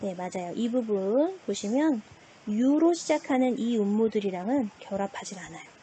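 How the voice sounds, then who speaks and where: A woman's voice: mid-range voice, animated, moderate pace, dark tone, slightly rough. A woman teaching an online language lesson, patiently asking questions and answering them herself. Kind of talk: online classroom lecture.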